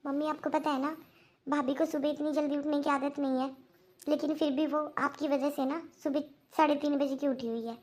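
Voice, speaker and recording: A woman's voice: sits high, fairly even intonation, a little fast, a little mellow, natural voice. Woman voicing a firm young married daughter. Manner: earnest, lecturing. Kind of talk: Hindi cartoon dubbing.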